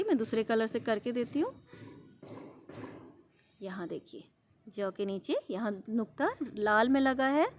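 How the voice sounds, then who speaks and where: Woman, teacher, fairly high voice, slow, drawn-out reading, asks and answers her own questions. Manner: asks questions then answers them herself. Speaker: primary school teacher. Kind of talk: online class lesson.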